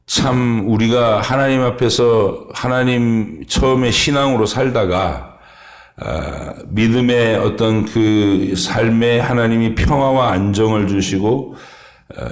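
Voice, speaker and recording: A man preaching an early-morning sermon as pastor, speaking in a halting way with many pauses and fillers. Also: mid-range voice, reverberant. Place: church sanctuary.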